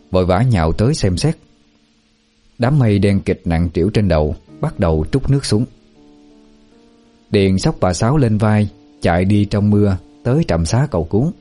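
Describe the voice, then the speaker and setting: A man reading a ghost story aloud as a storyteller, in an even, unhurried narration. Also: fairly low pitch. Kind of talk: scripted horror narration.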